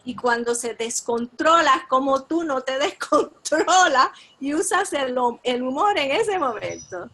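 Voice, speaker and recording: A woman's voice: high voice, lively intonation, measured pace, hardly any pauses, pushed and bright. A woman with a Puerto Rican Caribbean Spanish accent, sharing thoughts conversationally as a workshop participant. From Puerto Rico. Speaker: workshop participant, adult educator.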